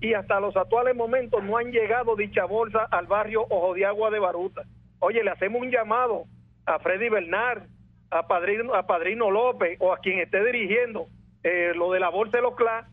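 High-voiced Venezuelan man calling over the phone. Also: moderate pace, no echo. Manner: earnest, keeps saying "oye" and "hermano". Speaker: caller. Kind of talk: call-in complaint. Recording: dry, tinny phone line.

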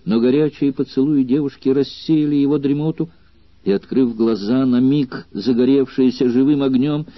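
A man narrates a historical novel at a steady, dramatic pace, his voice mid-pitched. The recording is dry and close, with a slightly dull, lo-fi tone. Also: moderate pace, no echo. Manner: steady, dramatic literary reading. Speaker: audiobook reader. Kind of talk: scripted narration.

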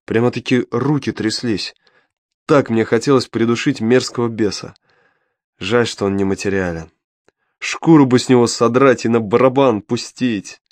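A man's voice: mid-range voice, normal speed, dry recording. A man narrating an audiobook in the first person, with a wry, ironic storytelling manner.

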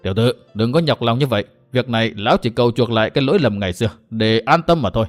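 A blunt old martial elder from a storybook adventure, voiced by a male narrator in close to his own voice. He talks plainly and gruffly, with a fatherly edge. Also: mid-range voice, quick pace, soft background music, voice pushed down, natural voice.

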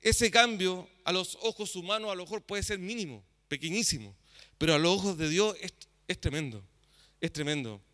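High bright man preaching in reverb. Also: moderate pace. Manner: many fillers, asks "¿ya?" often. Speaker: worship leader. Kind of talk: sermon.

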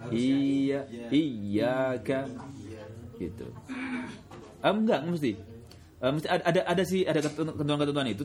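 A man teaching Quran recitation rules in a casual classroom way, often slowing down to demonstrate sounds in a drawn-out voice. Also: a little high. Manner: relaxed, repeats filler words often.

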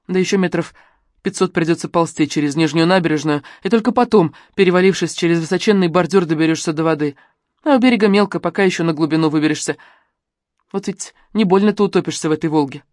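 Low-voiced woman narrating an audiobook. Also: darkish tone, dry recording, studio quality. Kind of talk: scripted narration of a detective novel.

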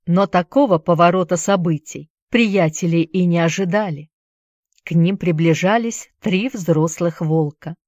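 Low-voiced woman narrating a story. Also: a little slow, no room sound, studio quality. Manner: steady, storytelling. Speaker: audiobook narrator. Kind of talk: scripted narration.

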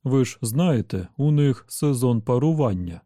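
A man's voice: medium pitch, expressive, a little slow, warm tone, no echo, studio quality, natural voice. A man voicing a smug, pious male robot servant who talks in a prim, falsely caring way.

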